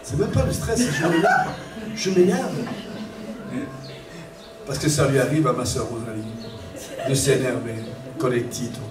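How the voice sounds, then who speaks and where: A man preaching a sermon as pastor, animated, acting out little scenes and shouting warnings. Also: medium pitch, a little slow, pauses often. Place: church hall. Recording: echoey church room from far off, faint ambience.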